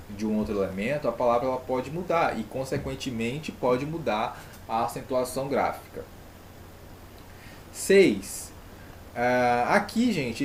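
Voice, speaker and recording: A man's voice: mid-range voice, a little hiss or hum. Brazilian man teaching a grammar class. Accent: Brazilian Portuguese. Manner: explanatory, asks pupils rhetorical questions. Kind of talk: online class lesson.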